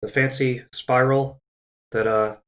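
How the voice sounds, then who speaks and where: A man's voice: medium pitch, steady tone, takes it slowly, crowd noise. A man running a tabletop game as dungeon master, rambling and punning and often correcting himself. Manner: rambling, punny, self-correcting.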